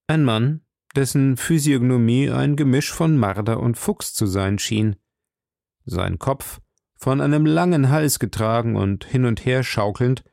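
A man narrating a literary audiobook with measured, storytelling pacing. His voice is gravelly and sits at an ordinary male pitch. The recording is close and dry. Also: a little mellow, no echo.

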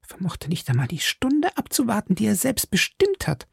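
A man's voice: high-pitched, wildly swooping pitch, brisk, vocal fry, dark tone, husky, no echo, studio quality, pitched above the performer's own voice, exaggerated voice. A man reading aloud and voicing a frightened young maid who stammers in a whisper. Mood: panicked.

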